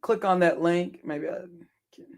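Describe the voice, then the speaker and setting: A livestream host talks with viewers in a casual, rambling way, frequently chuckling, saying um, and correcting themselves. Their voice is deep, hoarse, and worn, and their pace is a little slow.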